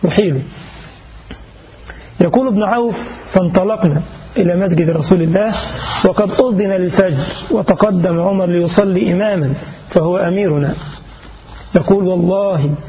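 Preacher guy, high mellow voice, dramatic storytelling, faint noise behind. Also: moderate pace, pauses often, rough recording. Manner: dramatic, emphatic retelling with exclamations. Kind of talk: sermon storytelling.

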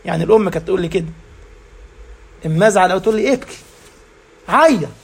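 A man's voice: high voice, fairly even intonation, very fast, creaky, a little mellow, husky. A man with an Egyptian accent giving a sermon, who keeps asking the congregation rhetorical questions and answering them himself. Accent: Egyptian Arabic. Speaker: preacher.

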